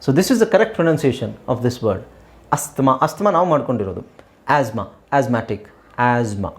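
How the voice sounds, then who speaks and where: Animated teacher drilling words. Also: male voice, medium pitch. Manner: repeats words slowly for drilling. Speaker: English teacher. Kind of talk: pronunciation lesson.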